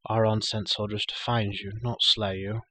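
A man reading a cruel, proud sorceress queen in an audiobook, silky and coaxing with a bright, forceful edge. Her voice sits a little higher than his low narration, in a dry, close recording. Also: little pitch movement, moderate pace, no echo. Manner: silky, then shrill and raging.

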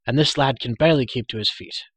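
A man voicing a proud, cruel sorceress queen in an audiobook reading, silky and coaxing, turning shrill when enraged. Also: quick pace, fairly bright tone, breathy edge, no echo. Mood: indignant. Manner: silky, then shrill and raging.

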